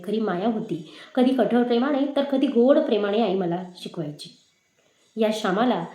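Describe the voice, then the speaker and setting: A woman teacher telling a moral story aloud in a measured, expressive way. Her voice sits on the high side and carries through an echoey room. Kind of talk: storytelling reading.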